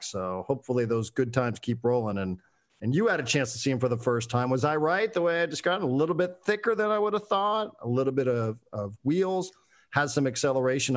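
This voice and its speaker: A man hosting a sports podcast, talking in long, enthusiastic stretches. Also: mid-range voice. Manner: enthusiastic, long flowing commentary. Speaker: podcast host.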